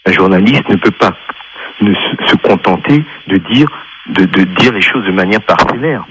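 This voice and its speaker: A man's voice: sits low, normal speed, a bit bright, slight background noise, low-quality recording. A man from France calling in to a radio show, speaking with insistent passion and repeating points for emphasis. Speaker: radio caller. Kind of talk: radio call-in talk.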